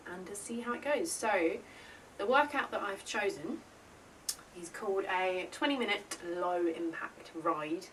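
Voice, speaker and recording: A woman's voice: mid-range voice, measured pace, fairly bright tone, slight background noise. A woman chatting casually at home in an upbeat, talkative way, laughing often. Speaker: fitness vlogger. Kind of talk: casual vlog chat. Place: home, indoors.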